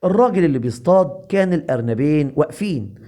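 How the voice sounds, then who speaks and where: A man with an Egyptian accent tells a comic folk tale. His delivery is rapid and lively, in a fairly high voice. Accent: Egyptian Arabic. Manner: lively, repetitive. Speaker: storyteller.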